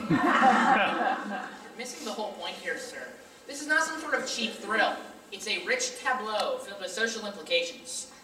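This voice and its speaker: A woman acting a brash male con man who stages fake drownings, pitching with pushy salesman patter on a school stage. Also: lively intonation, a little slow, long pauses, bright, forceful tone, a little hiss or hum. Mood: boastful. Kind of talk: high school stage play. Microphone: far camera. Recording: echoey hall from far off.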